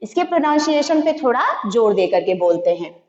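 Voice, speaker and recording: A woman teaching young children, slow and patient, spelling out each syllable one by one. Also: a little high, very animated, darkish tone. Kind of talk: Hindi alphabet lesson for young children. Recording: echoey room, dull lo-fi sound.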